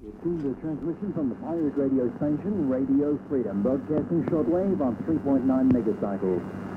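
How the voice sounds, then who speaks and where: A man's voice: medium pitch, normal speed. A man reading a station identification for a pirate radio broadcast, heard as received over shortwave. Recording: tinny, noisy shortwave reception.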